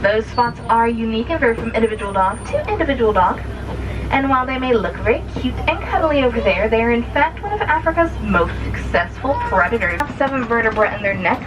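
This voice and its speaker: Upbeat woman safari guide, distant and noisy. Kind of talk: live guided tour commentary. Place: outdoors on a moving safari truck. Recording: distant, noisy vehicle loudspeaker recording. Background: vehicle rumble and outdoor ambience.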